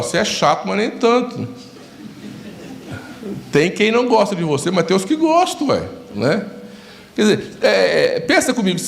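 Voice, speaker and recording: Male Brazilian pastor, sermon, gravelly lively voice, slightly high, echoey church room. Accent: Brazilian Portuguese. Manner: storytelling, acts out dialogues, addresses congregation directly.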